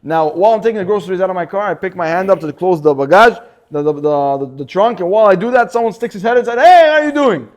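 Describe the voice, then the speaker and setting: A man teaching an informal Torah class in a synagogue, animated and often repeating words as he acts out stories. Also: high-pitched, fast talker.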